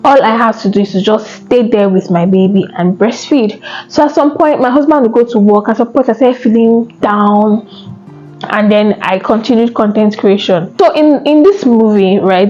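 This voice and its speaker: A woman's voice: medium pitch, a little mellow. Earnest woman vlogger. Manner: earnest, conversational, asks viewers questions. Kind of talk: personal story and advice to camera. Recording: slightly dull sound with faint background music.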